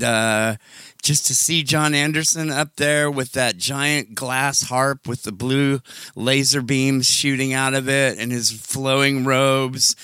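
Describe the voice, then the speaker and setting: A man in his sixties introducing a radio show and telling rock-fan stories with excitable, drawn-out exclamations. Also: mid-range voice, smooth, no room sound. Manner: excitable, drawn-out "oh yeah" catchphrases. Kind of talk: enthusiastic radio intro and storytelling.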